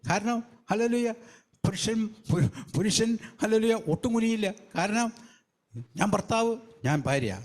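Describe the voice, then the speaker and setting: A male evangelist preaching a fervent sermon, breaking in often with hallelujah and praise the Lord. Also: on the high side.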